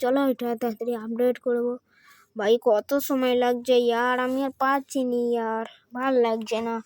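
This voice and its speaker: A woman doing excited gameplay commentary, dropping Hindi phrases in as she counts and clicks. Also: fairly high pitch, moderate pace, no room sound. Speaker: gaming channel host.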